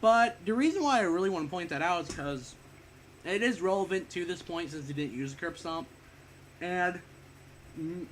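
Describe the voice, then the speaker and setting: There's slight background noise as a young man with a fairly high, somewhat bright voice talks through a wrestling review. It's casual and rambling; he seems a bit sick and short of breath, keeps correcting himself, and swears offhandedly.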